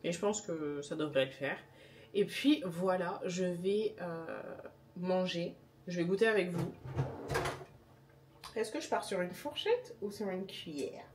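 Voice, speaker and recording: Young woman, casual vlog chat, chatty, animated, wry, handheld camera at home. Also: on the low side, a little slow, recorded from a distance, slight background noise. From Senegalese background. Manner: chatty, animated, wry about her tastes. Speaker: vlogger. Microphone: handheld pocket camera.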